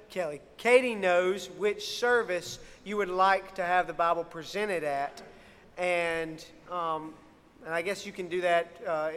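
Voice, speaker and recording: A man's voice: high voice, fairly bright tone. A man speaking as a youth minister, giving church announcements in an upbeat, informal way. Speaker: youth minister and worship music helper. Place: church sanctuary, amplified. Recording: echoey hall with long reverb.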